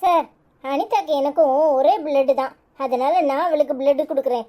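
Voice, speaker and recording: A woman voicing a calm elder sister who soothes and reassures in a lowered voice, with a Tirunelveli Tamil accent. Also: normal speed, highs cut off, lightly acted. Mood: reassuring.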